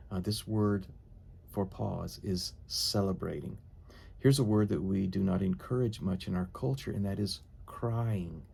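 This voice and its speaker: Gravelly low-voiced man teaching devotionally. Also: darkish tone.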